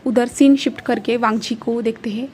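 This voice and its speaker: Brief: woman storyteller, fairly high voice, mellow, faint background noise. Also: normal speed. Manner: plain, steady reading with restarts. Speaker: fan fiction narrator. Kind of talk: storytelling narration.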